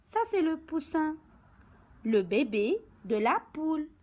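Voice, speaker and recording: A woman teaching young children from a picture book, speaking slowly and deliberately, repeating words and counting aloud. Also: high-pitched, sing-song, a little mellow, poor audio.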